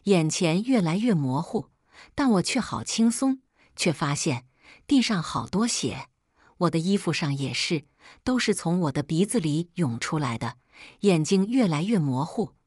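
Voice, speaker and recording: A woman's voice: fairly low pitch, big pitch swings, unhurried, darkish tone, slightly rough, no room sound, clean studio sound. A woman narrating a first-person family story in an emotional, melodramatic reading.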